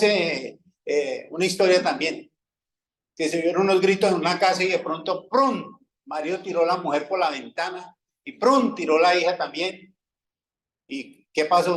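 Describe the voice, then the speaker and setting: Colombian pastor with a high-set voice. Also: male voice, poor audio. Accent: Colombian Spanish. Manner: conversational preaching with frequent "¿sí?" checks; acts out quoted dialogue in everyday stories. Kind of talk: sermon.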